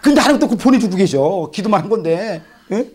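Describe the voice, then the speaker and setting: A man preaching a revival sermon as pastor, swinging between loud exclamations and hushed asides. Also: high voice, animated, fast talker, breathy edge. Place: church sanctuary.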